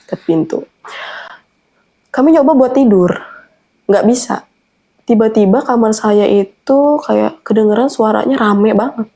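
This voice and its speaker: Young woman, kinda high but soft mellow voice, anxious about her horror story. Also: measured pace, long pauses. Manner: earnest, anxious retelling. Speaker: guest storyteller. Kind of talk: telling a personal horror story.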